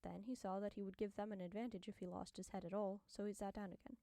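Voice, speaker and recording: A woman reading an audiobook as narrator, in a measured, unhurried manner on a close studio microphone. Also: medium pitch, steady tone, dark tone, no echo. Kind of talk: scripted narration.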